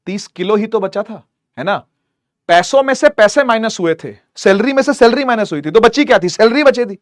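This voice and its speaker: A man teaches physics in a high, bright-pitched voice, cracking jokes and teasing his students as he explains. He has a playful, affectionate tone and addresses the class like favorite kids. The sound is dry and close, with no room echo. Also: lively intonation, fairly quick. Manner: calls students "beta" affectionately. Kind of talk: lively classroom lecture.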